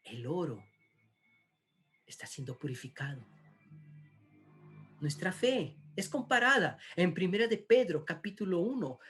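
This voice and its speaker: A pastor preaching a sermon, slow and emphatic, with rhetorical questions to the congregation. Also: mid-range voice.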